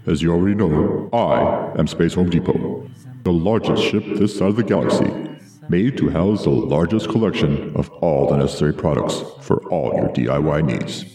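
A man's voice: rumbling low, expressive, normal speed, mellow. A man voicing an eager, lonely talking spaceship store with a salesy, awkward manner. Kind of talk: comedy audio drama. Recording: very echoey.

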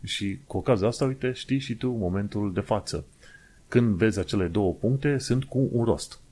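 A man's voice: fairly low pitch, warm tone. A man from Romania talking casually in a monologue, explaining things step by step in a chatty, digressive way with small hesitations.

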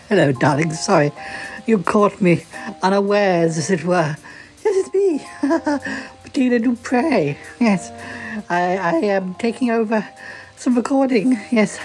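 A woman's voice: mid-range voice, expressive, slow, a little mellow, poor audio. A woman playing a theatrical, effusive presenter who laughs often and calls everyone darling, with faint music behind. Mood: gushing.

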